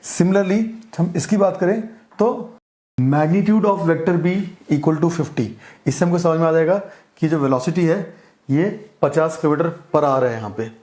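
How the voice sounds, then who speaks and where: A man's voice: on the high side, a little slow, a little mellow. A man with an Indian accent teaching a physics lesson, explaining step by step and checking in with his students often. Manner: explains step by step, mixing English terms into Hindi, checks in often. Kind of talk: classroom-style lecture.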